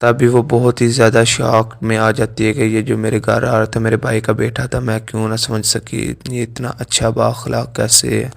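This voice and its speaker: A man's voice: medium pitch, creaky, few pauses. A man retelling a drama's plot in a plain storytelling narration. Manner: monotone retelling with restarts.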